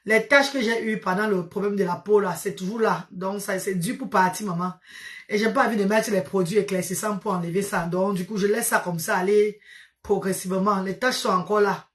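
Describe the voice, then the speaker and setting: A woman's voice: mid-range voice, steady tone, brisk. A tired woman hosting a casual live stream, greeting her viewers one by one and fondly calling them mother and sister. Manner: affectionate, calls viewers maman and sister.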